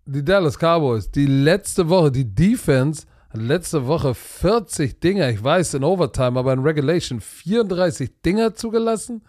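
Tired, animated man, dry sound. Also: fairly high pitch, normal speed, hardly any pauses, dry recording. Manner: animated, vivid trash talk. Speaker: podcast co-host. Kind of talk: casual sports chat.

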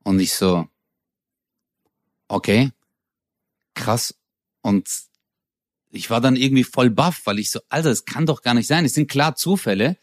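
A man in casual chat, telling an animated story with lots of slang and acted-out dialogue. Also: mid-range voice, brisk, dry recording, studio quality.

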